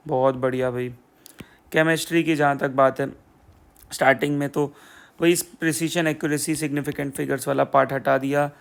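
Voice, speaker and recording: Young guy going over syllabus cuts, sarcastic and repetitive, bit raspy fry in his voice. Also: on the high side. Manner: sarcastic, repeats "theek hai bhai" and "poora poora". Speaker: exam prep educator. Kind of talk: casual explainer video.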